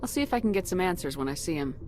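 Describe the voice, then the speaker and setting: A composed female military commander from a video game. Her voice sits a little low, and she questions and instructs with firm, steady authority. Soft music plays behind her. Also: racing. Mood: firm, questioning.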